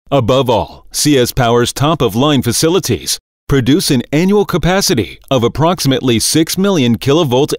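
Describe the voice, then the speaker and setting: A man reading a scripted corporate video narration, working through long lists in a steady, measured cadence. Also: mid-range voice, no echo. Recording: dry voice-over.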